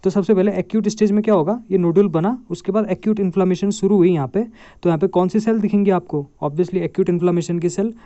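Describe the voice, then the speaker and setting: A man's voice: high-pitched, warm tone, no echo, lo-fi sound. A young man giving a medical lecture, posing questions to his viewers and answering them himself, calling them guys. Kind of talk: explanatory medical lesson.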